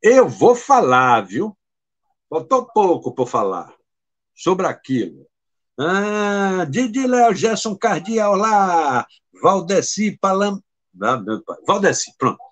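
A man with a husky, breathy voice that sits high for a man hosts a casual live stream. He talks in a chatty, teasing way, greets viewers one by one and laughs easily. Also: sing-song, a bit bright. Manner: chatty, greets viewers by name and reads their comments; teasing and playful, quick to laugh.

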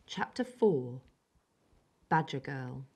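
A schoolgirl of about ten from England, reading aloud her own story with careful, even delivery and soft, breathy moments. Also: rumbling low, slow. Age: child, about 10. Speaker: young story author.

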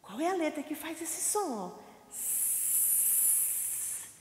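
A woman from Brazil teaches small children, her fairly high voice rising and falling widely. She speaks slowly and questioningly, sounding out syllables. The recording has an echoey room with a long reverb. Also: sing-song, noisy background. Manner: slow, sing-song teacher talk, asks questions and sounds out syllables. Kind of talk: lesson for young children.

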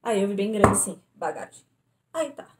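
A woman's voice: medium pitch, normal speed, heavy background noise. A young woman from Brazil with a southern Brazilian accent, casually telling a story to camera at home and acting out her own pleas. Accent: southern Brazilian Portuguese. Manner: animated retelling, acts out her own panicked pleas. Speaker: vlogger. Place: indoors at home.

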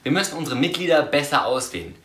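A man's voice: fairly high pitch, quick pace, a bit bright, reverberant, a little hiss or hum, natural voice. A man playing a cold, scheming mafia boss in an amateur audio drama, with a dry, mocking delivery.

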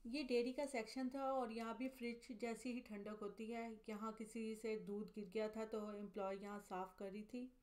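Higher-voiced woman narrating a vlog. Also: moderate pace, hardly any pauses. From Pakistan. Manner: steady, matter-of-fact, listing prices item by item. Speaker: vlogger, mother. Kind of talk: scripted voice-over narration of a store tour.

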